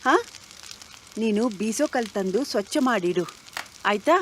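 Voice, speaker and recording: A woman's voice: mid-range voice, animated, measured pace, a little hiss or hum, lightly acted. An actress playing a worried village wife giving practical instructions to her daughter.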